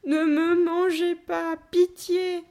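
A woman's voice: little pitch movement, normal speed, warm tone, lightly acted. A woman doing a terrified little orphan boy. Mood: panicked pleading. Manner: high, tearful, panicky cries. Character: frightened young orphan boy, pleading.

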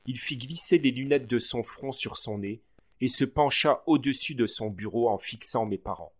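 A man narrating a children's storybook with an expressive, lively reading. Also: mid-range voice, moderate pace.

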